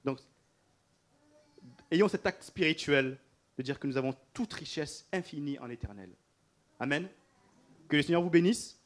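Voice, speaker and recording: Animated male preacher, slightly high voice. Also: unhurried, long pauses. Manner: animated, repetitive, often laughing mid-phrase. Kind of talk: sermon.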